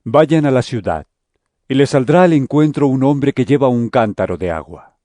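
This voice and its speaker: A man playing Jesus as a solemn, deliberate teacher in a scripture audio drama. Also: medium pitch, animated, mellow, no echo, close to an everyday voice. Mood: calm instruction. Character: Jesus, solemn adult male teacher warning and instructing disciples.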